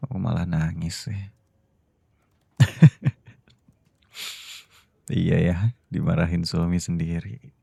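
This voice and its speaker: A man playing a strict boss and loving husband in a whispered role-play, with a very low, gravelly voice. His tone is dark and husky, close and dry with no room sound. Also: steady tone, takes it slowly, long pauses, dry recording, heavily acted. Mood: gentle pleading. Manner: cold and scolding, then soft and pleading. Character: stern boss who is a doting husband. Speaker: voice actor.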